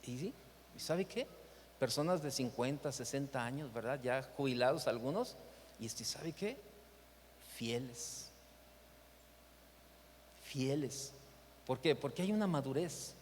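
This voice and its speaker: A man with a Mexican Spanish accent gives a leadership seminar in a church meeting hall, preaching through animated anecdotes and rhetorical questions. His voice is medium-pitched at a moderate pace, with a long reverb tail and slight background noise.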